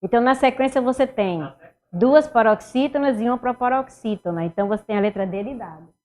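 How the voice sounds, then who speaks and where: A woman leads a grammar lesson. Her voice sits a little high, and she keeps asking questions and then answering them herself. Her loudness rises and drops from one phrase to the next as she works through the answers. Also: brisk. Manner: lively, rhetorical questions, swings loud and soft. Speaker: Portuguese teacher. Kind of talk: exam review lesson.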